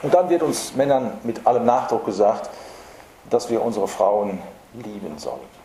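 Guy preaching a sermon, mellow voice, echoey church with a bit of hiss. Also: fairly low pitch, animated. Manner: earnest, emphatic, with slow stressed repetitions. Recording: roomy hall with faint background noise.

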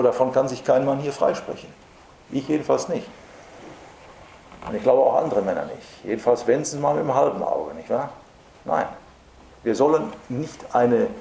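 Male preacher, emphatic sermon delivery, dark tone, roomy hall sound. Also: medium pitch, vocal fry. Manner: earnest, emphatic, with slow stressed repetitions. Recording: roomy hall with faint background noise.

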